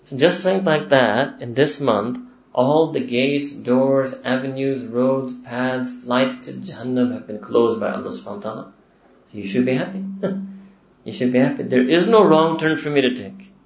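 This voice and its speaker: A man teaching a religious lecture, chatty and full of rhetorical questions. His voice sits at a middle pitch. The recording is roomy and dull, with a faint hiss underneath. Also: moderate pace, gravelly. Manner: conversational, with rhetorical questions and chuckles. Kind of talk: lecture-style sermon to young listeners.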